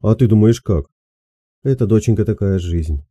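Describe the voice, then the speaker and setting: A man's voice: lowish voice, animated, moderate pace, mellow, dry recording. A man voicing an older peasant woman who gives soothing, homely advice in an audiobook. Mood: advising. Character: older peasant woman, gentle, wise advisor. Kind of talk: audiobook character voice.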